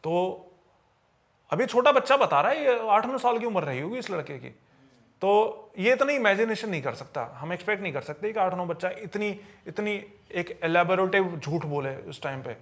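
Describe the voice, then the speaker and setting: Telling spooky supernatural stories for a podcast, this man has a notably high voice with a fairly bright tone. He's animated and keeps a moderate pace, chatting casually and restating phrases in new words to drive points home.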